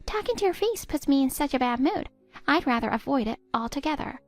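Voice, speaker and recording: Brisk and expressive, a high-pitched female voice acts out a scornful twenty-something stepdaughter for a text story, cutting and contemptuous as she mocks her stepmother. Faint music plays behind her.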